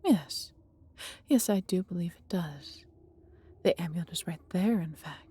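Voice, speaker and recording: Voicing a female dragon in a fantasy audio roleplay, a woman sounds tender and proud, fiercely protective and full of affection. Her low, dark, soft voice is heavily breathy and husky, and her formal storybook lines come at a measured pace, animated, heavily acted, theatrical yet intimate.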